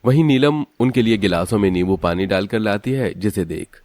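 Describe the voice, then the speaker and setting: A man narrating a cartoon story in a steady, matter-of-fact way. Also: lowish voice, moderate pace, dry recording, studio quality.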